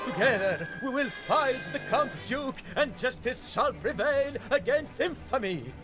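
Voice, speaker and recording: An actor playing a bumbling, boastful young masked vigilante in a video game, grandiose and mock-archaic, stammering when flustered. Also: male voice, extremely high pitch, lively intonation, a little slow, music in the background. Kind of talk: cartoonish swashbuckling game acting.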